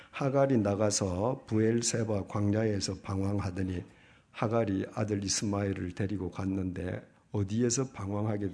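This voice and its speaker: A man's voice: on the low side, vocal fry, warm tone. A man preaching a sermon, reading scripture aloud and putting rhetorical questions to the congregation. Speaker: pastor.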